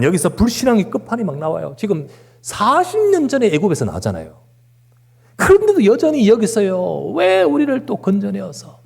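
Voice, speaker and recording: A man delivers an emphatic Sunday sermon in a church sanctuary. His voice is warm and a little breathy, and his pitch leaps and falls with great animation. He presses his points with rhetorical questions and repeated words. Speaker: pastor.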